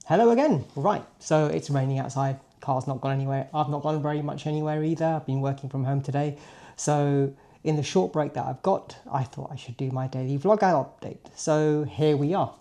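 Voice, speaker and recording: A man in his late forties, a native Punjabi speaker and car vlogger, talks to viewers in a chatty, informal daily vlog monologue. His voice is fairly high and mellow at a normal speed, and he often checks in with a questioning tag.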